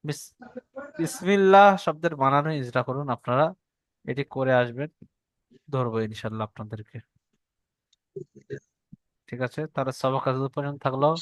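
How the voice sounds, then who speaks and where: A man with a Bengali accent teaching Quran pronunciation online, patiently repeating each point slowly for his student. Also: medium pitch, no room sound. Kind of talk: online tajweed lesson.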